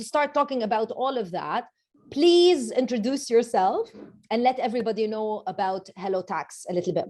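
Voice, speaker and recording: A woman's voice: on the high side, darkish tone. A woman hosting an online interview over a video call, upbeat as she introduces the topic and her guest. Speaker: host.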